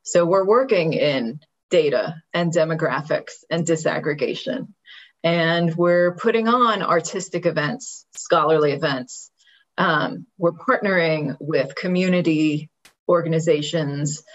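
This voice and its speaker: Measured woman on a lo-fi call. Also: on the low side. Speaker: panelist. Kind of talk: panel talk on an online symposium.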